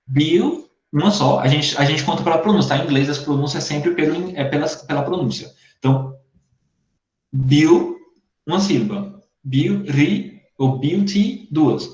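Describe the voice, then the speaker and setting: A man's voice: fairly high pitch, lively intonation, measured pace, darkish tone. A man teaching an online English class in Brazilian Portuguese, explaining patiently and checking in with his students again and again. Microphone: computer mic in a video call. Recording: echoey, dull lo-fi call audio.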